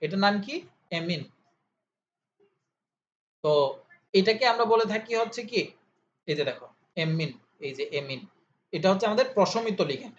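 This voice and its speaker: A man's voice: high-pitched, animated, moderate pace, pauses often. A male tutor in an informal lesson, asking questions and answering them himself, repeating key terms in drills. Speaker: chemistry tutor. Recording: slightly dull audio with faint hiss.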